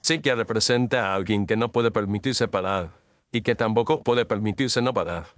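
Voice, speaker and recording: Here a man's fairly low, fairly bright voice, free of echo and close to how he'd normally sound, speaks at normal speed. His radio drama role is a middle-aged detective, cool and exacting, whose precise, commanding lines stay measured.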